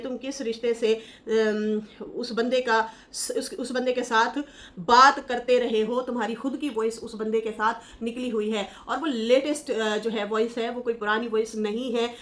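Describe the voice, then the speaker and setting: A woman's voice: fairly high pitch, fairly bright tone. A woman giving casual commentary, reading viewer comments aloud in a chatty, scolding manner and laughing as she mocks. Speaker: YouTube commentator.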